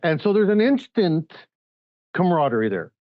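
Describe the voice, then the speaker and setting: A man from Chile hosting a podcast interview, talking in an animated, emphatic way and building his points with examples. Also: high-pitched, normal speed, dry recording, highs cut off. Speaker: podcast host. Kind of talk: casual interview chat.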